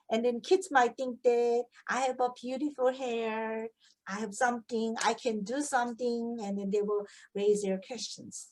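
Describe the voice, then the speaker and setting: Female English teacher, lively picture-book reader, unhurried delivery. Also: fairly high pitch. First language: Korean. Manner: lively, asks children questions. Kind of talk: demonstrating a picture-book read-aloud.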